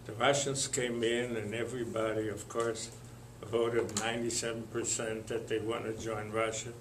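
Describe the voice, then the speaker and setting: An older man from Lithuania, telling his life story to an audience in a slow, halting way with many pauses and fillers. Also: fairly low pitch, little pitch movement, reverberant, slight background noise. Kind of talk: spoken testimony to an audience.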